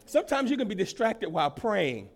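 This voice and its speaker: A man preaching a sermon to his congregation as pastor while he has a cold. He swings between loud emphasis and quiet asides and laughs easily. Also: high voice, sing-song, brisk. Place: church in front of a congregation.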